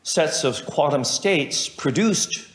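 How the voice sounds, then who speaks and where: A man's voice: fairly high pitch, lively intonation, slow. A middle-aged man giving a university lecture, wandering through asides with wry humor and frequent self-corrections. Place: lecture hall. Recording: roomy lecture hall sound.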